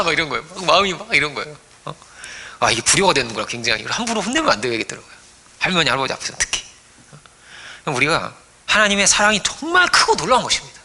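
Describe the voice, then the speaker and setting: A man's voice: high-pitched, sharp tone. A man preaching a sermon as pastor, telling stories playfully, acting out voices and often checking in with the congregation.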